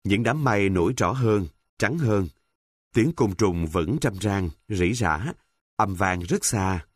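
Man, story narrator, calm measured reading, low voice, dry close recording. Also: no room sound.

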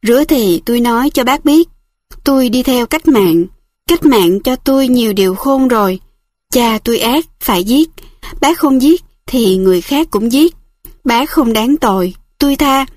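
Picture a resolute young village man who answers calmly and firmly, his voice a touch high, as a woman reader puts him on. The reading sounds dry and close in an audiobook style. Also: normal speed, no echo.

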